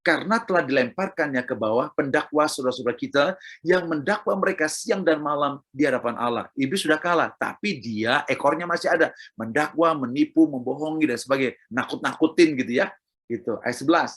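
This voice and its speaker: A man's voice: fairly high pitch, a little fast, fairly bright tone, husky. A middle-aged man preaching a sermon, emphatic and repetitive, speaking straight to his listeners.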